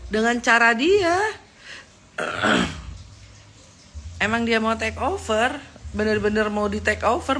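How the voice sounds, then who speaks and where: Animated, mocking Indonesian woman. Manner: mocking, laughs often, mimics others in a squeaky voice. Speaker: live-stream commentator. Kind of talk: gossipy live-stream chat.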